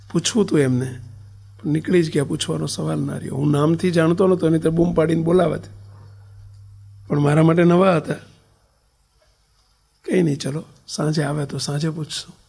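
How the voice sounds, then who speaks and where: A man with a Gujarati accent, a swami telling a story in a sermon, his voice rising loud and then falling to a near whisper. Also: a little high, steady tone, moderate pace, gravelly, long pauses, husky. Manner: swings between loud stressed lines and soft, near-whispered ones. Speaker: swami giving a religious discourse.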